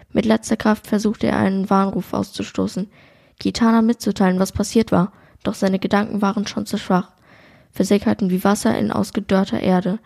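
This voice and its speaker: Brief: teen girl, gravelly low-lit tone, dry close sound, measured read-aloud. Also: a little mellow, no echo. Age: teenager. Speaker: school podcast presenter. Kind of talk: reading a book excerpt aloud.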